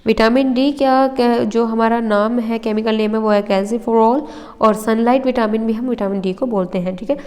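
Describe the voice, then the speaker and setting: A young woman explains an exam-prep lesson from handwritten notes at a slightly slow pace, her voice on the high side and a little mellow, with fairly even intonation. She moves step by step, checks in with her audience, and now and then coughs slightly. The recording is roomy, with a long reverb tail.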